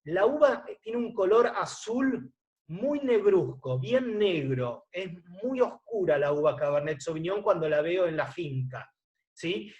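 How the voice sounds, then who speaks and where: High-voiced man teaching wine. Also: darkish tone, muffled recording. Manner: explanatory, often checks in with a rising "¿sí?". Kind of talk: online lecture.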